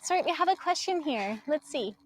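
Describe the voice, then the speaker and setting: A young adult woman co-hosting a casual live stream from a dock on a lake, chatty and quick to laugh. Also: high-pitched, expressive, slight background noise. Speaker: co-host presenting paddleboards. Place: outdoors on a floating dock on a lake.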